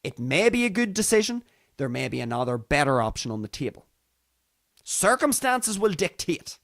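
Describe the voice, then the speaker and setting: A man's voice: on the high side, big pitch swings, normal speed, gravelly, fairly bright tone, dry recording, clean studio sound. A man with a Northern Irish accent hosting a livestream talk show in a casual monologue, theatrical and repeating phrases for emphasis. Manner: theatrical, emphatic repetition for effect. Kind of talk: casual monologue to live stream audience.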